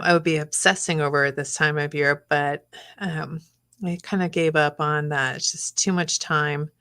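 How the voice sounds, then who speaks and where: Chatty and casual, this craft channel host talks through her live stream, dropping into whispers aimed at her artwork as she works. Her voice is deep and fairly bright, yet worn, and she keeps clearing her throat as it fades.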